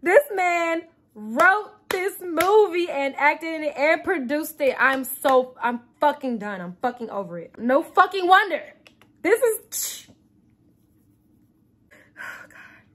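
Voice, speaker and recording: A woman's voice: high voice, expressive, takes it slowly, a bit bright. A woman reviewing a movie on her channel, exasperated, swearing often and breaking into laughter.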